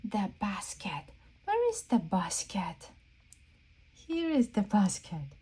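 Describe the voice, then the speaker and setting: A woman hosting a children's read-aloud shares a picture book with young kids, playfully asking simple, repeated questions and prompting them to look. Her mid-range voice swings hugely in pitch, and she takes it slowly with a mellow, breathy edge. The phrasing stays simple and repetitive for small children.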